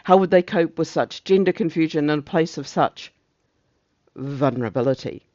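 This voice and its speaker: A man's voice: a little high, moderate pace, darkish tone, dry recording, muffled recording, natural voice. A man playing a pompous, zealous morality officer, declaiming a satirical monologue in preachy, emphatic speeches. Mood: pious outrage.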